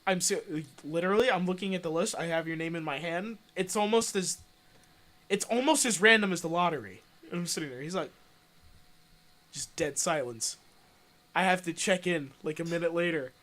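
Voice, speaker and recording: A young man hosting a casual podcast, telling a funny childhood story in an animated way while playing a video game and laughing often. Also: fairly high pitch, moderate pace. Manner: animated, laughing, acts out quoted voices. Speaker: podcast host.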